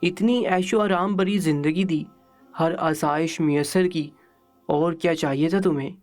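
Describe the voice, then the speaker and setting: A man's voice: fairly high pitch, lightly acted. Man doing a cold bossy father from a story, curt and stern, faint music behind. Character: stern wealthy father, harsh and dismissive.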